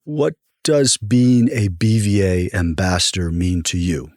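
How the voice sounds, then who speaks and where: A man's voice: deep voice, steady tone, a little slow, darkish tone, dry recording, clean studio sound. A male host asking short, direct interview questions and closing the episode.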